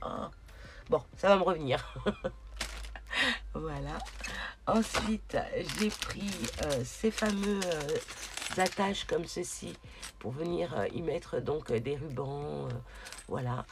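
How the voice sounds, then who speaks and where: A woman showing her craft shopping haul in a casual video, often stopping with hesitations to search for words. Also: sits low. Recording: noticeable background noise, crinkling. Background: rustling and crinkling of packaging.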